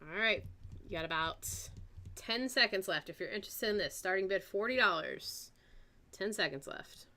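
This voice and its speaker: A woman with a Southern American accent hosting a live-stream auction, chatting in an unhurried way as she reads out kit details and starting bids. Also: medium pitch, lively intonation, sharp tone.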